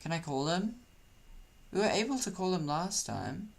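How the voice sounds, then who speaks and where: A man's voice: high-pitched, very animated, normal speed, vocal fry. A man from Africa, hosting a casual video and talking through what is on his screen in a rambling, joking way. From South Africa. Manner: rambling, joking, teasing slang. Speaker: YouTuber host. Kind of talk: casual commentary over screen play.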